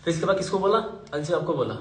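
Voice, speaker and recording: A man's voice: fairly high pitch, lively intonation, racing, roomy sound, slight background noise, rough recording. A man vlogger and team leader, talking emphatically and indignantly to his viewers while questioning his team.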